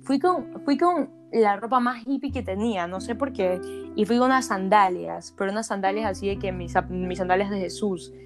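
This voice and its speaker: A young woman with an Ecuadorian accent chatting casually as a podcast co-host, animated and full of slang, saying "brother" at every turn. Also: medium pitch, normal speed, over music. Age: young adult. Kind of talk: casual chat.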